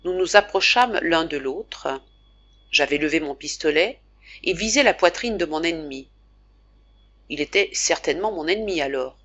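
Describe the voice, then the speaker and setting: A woman narrates a classic novel in a fairly low voice. Her reading is measured and expressive, with clear, steady storytelling. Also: dull audio. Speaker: audiobook narrator.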